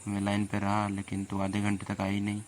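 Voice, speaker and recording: A man's voice: fairly low pitch, completely flat delivery, fairly quick, slight background noise. A man in a casual, teasing chat in which he plays a possessive boyfriend. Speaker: host chatting with an AI girlfriend.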